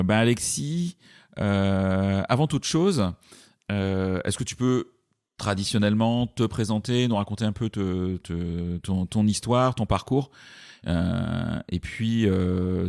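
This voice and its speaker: A man's voice: lowish voice, unhurried, darkish tone. A man hosting a podcast interview, hesitating often with fillers and restarts. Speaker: podcast host.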